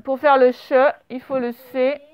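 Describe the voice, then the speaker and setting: Woman, teacher, high voice, slow clear dictation, spells letters one by one, dull lo-fi sound. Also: level tone, no room sound. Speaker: primary school teacher. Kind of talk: classroom dictation lesson. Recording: slightly dull lo-fi recording.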